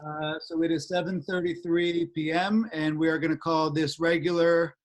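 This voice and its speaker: A man's voice: on the high side, little pitch movement, normal speed, over music. A man chairing a formal meeting over a video call, his audio cutting out in patches. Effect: choppy video-call audio that keeps cutting out. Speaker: board president chairing the meeting.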